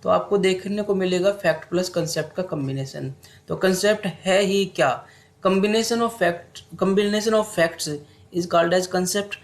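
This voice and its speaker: A young man teaching an exam-prep lesson online in a relaxed, unhurried way, mixing English terms into his talk. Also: sits high.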